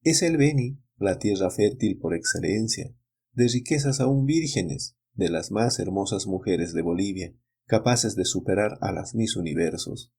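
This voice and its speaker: A man narrates folk tales in a measured, slightly dramatic reading. His voice is lowish, husky and mellow. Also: lively intonation. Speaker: reader of legends and tales. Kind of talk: storybook narration.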